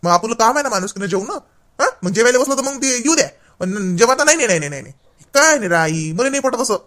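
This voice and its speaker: An impatient scolding son. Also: male voice, very high-pitched, lively intonation, bright, forceful tone, heavily acted. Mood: exasperated. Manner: scolding, lecturing, fast and impatient. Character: exasperated adult son scolding his mother. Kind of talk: comic sketch acting.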